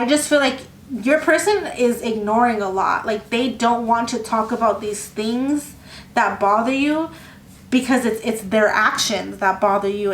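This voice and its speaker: A fairly high-pitched woman talks through a tarot reading in a loose, meandering way, often stopping to restart a thought. The room around her rings with echo, and a faint ambient hum sits underneath. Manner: rambling, halting, lots of fillers and restarts. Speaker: tarot reader. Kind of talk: casual tarot reading to camera.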